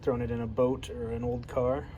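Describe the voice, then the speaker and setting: Recorded at home over the loud noise of a running furnace, this American man gives a relaxed, hands-on radio overview as a hobbyist. He speaks briskly in a level, medium-pitched tone, and the audio sounds dull.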